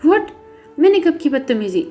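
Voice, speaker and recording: A woman's voice: fairly high pitch, darkish tone, soft background music, natural voice. A woman voicing a spirited young heroine in a story reading, talking with indignant, emotional force. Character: spirited young woman, proud and quick to anger. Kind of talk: audiobook character reading.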